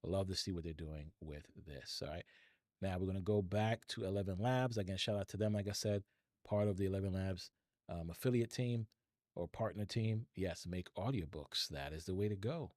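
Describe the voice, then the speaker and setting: A man's voice: low voice, moderate pace, a little mellow, dry recording, studio quality. A middle-aged man hosting a live tech stream, chatting casually and rambling as he talks straight to his viewers. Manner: chatty and rambling, addresses chat directly.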